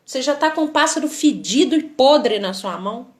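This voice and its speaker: A woman's voice: high voice, normal speed. A woman with a Brazilian Portuguese accent, hosting a live motivational talk and answering viewers, speaking emphatically and acting out what people say. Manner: emphatic, animated, acts out quoted dialogue.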